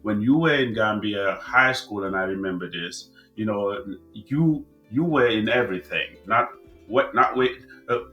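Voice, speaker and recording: A man hosting a casual interview podcast, friendly and halting, with many restarts and fillers. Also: fairly low pitch, highs cut off, faint music behind. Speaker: podcast host.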